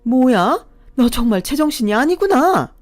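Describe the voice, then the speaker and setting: A woman's voice: a little high, expressive, moderate pace, soft background music, voice pushed up, close to an everyday voice. A woman voicing a bossy, easily enraged mother-in-law who scolds and sneers. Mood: shrill fury.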